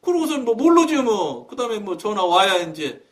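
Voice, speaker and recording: A man giving a testimony sermon, telling a story with lively, acted-out quotes. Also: sits high, moderate pace, far from the mic.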